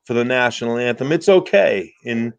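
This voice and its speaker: A man in his fifties from the United States calls into a livestream for casual political chat, speaking at medium pitch and a moderate pace with lively intonation and vocal fry. He's blunt, stammers into his points, and repeats himself. His tone is clean, but the recording is dry and lo-fi.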